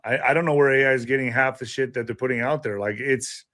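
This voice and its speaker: A man hosting a casual talk show, blunt and quick to interject questions, swearing casually. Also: medium pitch, pushed and bright, dry recording, studio quality. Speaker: host.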